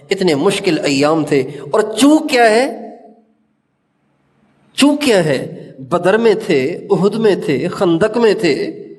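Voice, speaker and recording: Impassioned Urdu preacher in a reverberant hall. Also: male voice, high-pitched. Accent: Pakistani Urdu. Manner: impassioned storytelling, rising to emphatic questions and chanting Quranic verses. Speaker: Islamic preacher. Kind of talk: sermon. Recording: long reverb of a large hall.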